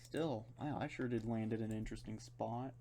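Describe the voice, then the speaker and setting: This gaming video host has a lowish, mellow voice with a steady tone at normal speed. He's in his room giving unscripted, casual commentary, drifting and thinking aloud as he plays. A fan hums throughout, mixed with keyboard and mouse clicks.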